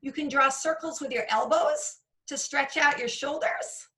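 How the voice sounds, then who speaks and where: A woman's voice: sits high, a little slow, sharp tone. A woman leading a casual video-call session, upbeat and encouraging as she guides simple stretches. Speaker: activity leader.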